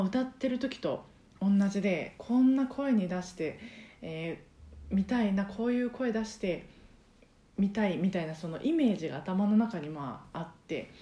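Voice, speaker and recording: A woman hosting a casual solo podcast, talking in a soft, breathy voice with many fillers as she explains things. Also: mid-range voice, reverberant. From Osaka, Japan. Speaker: podcast host and karaoke teacher.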